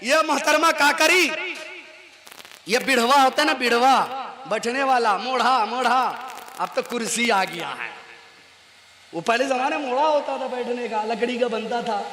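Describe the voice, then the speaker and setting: A maulana telling a funny moral story on stage, animated and often shouting. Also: male voice, extremely high pitch, moderate pace, long pauses. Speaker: maulana, preacher. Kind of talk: humorous moral storytelling sermon. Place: stage at a live poetry gathering. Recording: live event with loud crowd.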